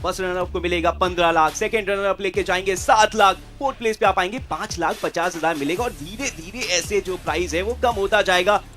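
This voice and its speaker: A man with a fairly high voice co-casts an esports grand final at a live arena. His talk is excited and he stacks up the drama, with faint music running behind. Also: a little fast, few pauses. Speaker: esports co-caster.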